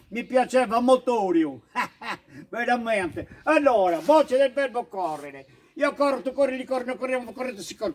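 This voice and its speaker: A man playing a cheerful boastful small-town man, who chuckles as he talks. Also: very high-pitched.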